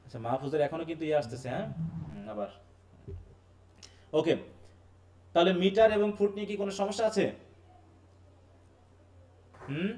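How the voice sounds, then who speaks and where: A man's voice: on the high side, animated, moderate pace, pauses often, darkish tone. A man with a Bangladeshi Bengali accent teaching an English class, explaining by repetition and quizzing his students. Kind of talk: live online class.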